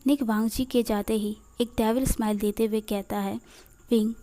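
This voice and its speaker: A woman narrating a fan fiction story aloud in a steady, plain reading style. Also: fairly high pitch, moderate pace.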